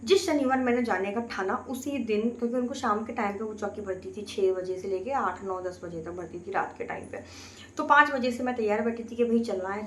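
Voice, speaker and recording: A woman's voice: medium pitch, slight background noise. Woman telling a personal story, roomy echo. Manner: earnest, vivid first-person recounting. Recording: roomy echo, faint ambience.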